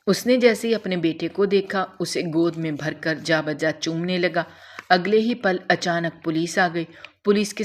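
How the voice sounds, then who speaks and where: A woman narrating a dramatic first-person revenge story in a bitter, emotional manner. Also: fairly low pitch.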